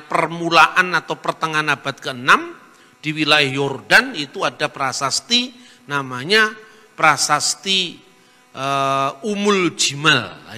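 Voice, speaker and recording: A man's voice: on the high side, sharp tone. Teacherly male lecturer, piercing voice, poses and answers his own questions; recorded with a long hall echo. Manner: teacherly, asks himself questions and spells out letters. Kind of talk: explanatory lecture.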